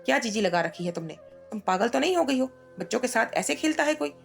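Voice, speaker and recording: A woman's voice: on the high side, animated, fast talker, gravelly, soft background music, voice pushed up. A woman voicing a stern, short-tempered young father who scolds harshly. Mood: angry.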